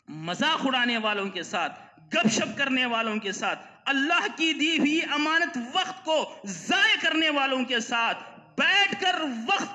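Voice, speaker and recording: Man doing a fiery Friday sermon, South Indian Urdu accent, high bright voice, lo-fi mosque recording. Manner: impassioned, swinging between loud declaiming and low solemn drops; repeats phrases for emphasis, recites Arabic verses. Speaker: preacher.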